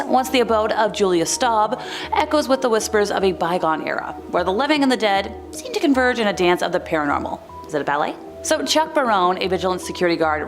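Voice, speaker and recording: A woman reading scripted countdown narration, slipping in wry, casual, jokey asides. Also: medium pitch. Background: background music.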